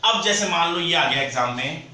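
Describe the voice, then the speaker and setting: Male chemistry teacher, bright and slightly high voice, drills terms by repeating them; roomy, distant mic. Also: expressive. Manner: repeats key terms slowly, asks the class questions. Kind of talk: whiteboard chemistry lesson. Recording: echoey room, voice from off-mic.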